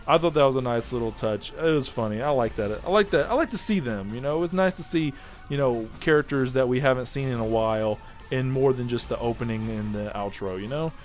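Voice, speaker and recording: A man's voice: medium pitch, expressive, fairly quick, faint music behind. A young man giving a casual, rambling, offhand video review of an anime episode. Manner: rambling, offhand, chatty with fillers.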